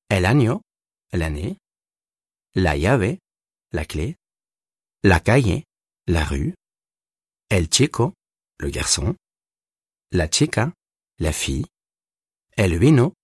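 Slow, measured male language instructor. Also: low-pitched, slightly rough, dry recording, studio quality. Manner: slow, deliberate didactic delivery with pauses between words. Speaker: language teacher. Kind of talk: recorded language lesson narration.

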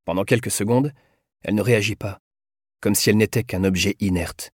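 A man reading a novel aloud as narrator, in a measured, even voice. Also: on the low side, breathy edge, no echo, clean studio sound. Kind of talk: audiobook narration.

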